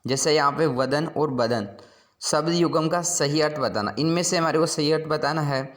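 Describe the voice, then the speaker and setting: A man's voice: on the high side, moderate pace. A man teaching a school lesson, patiently explaining word meanings and repeating each point.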